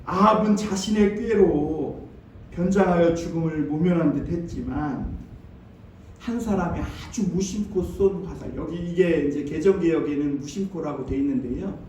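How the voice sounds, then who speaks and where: A male pastor tells the story in an easy, conversational sermon style and keeps putting questions to the congregation. His voice sits high. It is heard from a distance in a very echoey church hall with faint background hiss. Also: normal speed, darkish tone. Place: church sanctuary.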